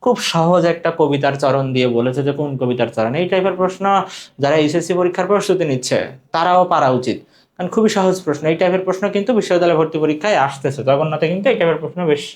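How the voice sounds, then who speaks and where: A man's voice: fairly high pitch, racing, a little mellow. A man teaching an exam-prep lesson, asking questions and repeating the answers.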